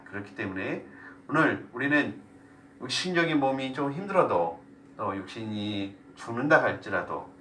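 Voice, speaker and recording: A man's voice: lowish voice, sharp tone. A man pastor leading a Bible study sermon, asking the group questions and explaining. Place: church room. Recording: echoey room, voice from a distance, faint noise.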